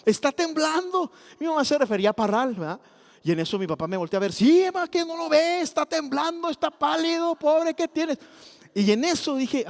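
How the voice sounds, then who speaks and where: A man preaching a sermon and telling a personal story in an animated way, acting out the voices he quotes. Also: sits high, long reverb tail. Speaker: pastor.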